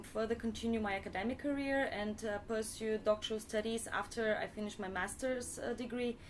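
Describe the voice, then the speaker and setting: A woman in her thirties from Bulgaria introduces herself on a student panel. She speaks carefully, with frequent uh and um pauses, at a middle pitch. There is faint background noise. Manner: careful, pausing with uh and um. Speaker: postgraduate student.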